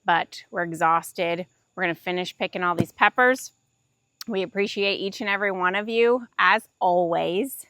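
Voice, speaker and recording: A woman's voice: lowish voice, moderate pace, fairly bright tone, no room sound. A woman, chatting casually and laughing easily while vlogging outdoors in a farm garden. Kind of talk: casual vlog chat.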